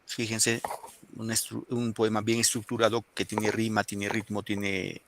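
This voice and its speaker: A man's voice: fairly low pitch, completely flat delivery, unhurried, noisy background. A male teacher with a Peruvian Spanish accent explaining a poem and questioning his students in a classroom lesson. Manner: explains and questions students, reads poems aloud.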